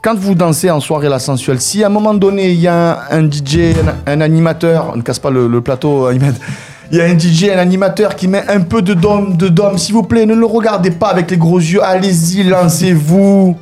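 A man hosting a radio show in casual chat, lively and full of hesitant fillers. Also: high-pitched, brisk, soft background music. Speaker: radio host.

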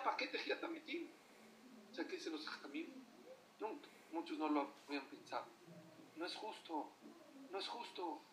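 A man giving a religious talk, telling stories in an animated way and putting questions to his listeners. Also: sits high, slight background noise. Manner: animated storytelling, asks the audience questions. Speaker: religious teacher. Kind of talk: sermon. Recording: echoey room from far off.

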